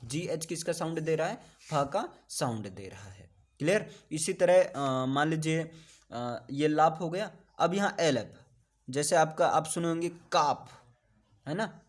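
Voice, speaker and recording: A man with an Indian accent teaching a classroom lesson on English sounds, repeating each sound and often asking if it is clear. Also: fairly high pitch.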